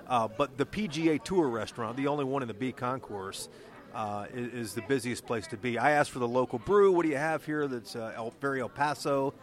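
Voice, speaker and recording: A man's voice: medium pitch, brisk. A man with an American accent, a podcast host and political reporter who speaks conversationally as he narrates and interviews.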